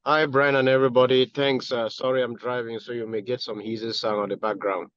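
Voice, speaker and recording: A man speaking on a phone call from his car while driving, giving a relaxed explanation as a panelist in a discussion. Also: medium pitch, brisk, no room sound. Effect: speaking on a phone call from a moving car. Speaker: panelist in an online health-care discussion. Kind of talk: conversational explanation on a video call.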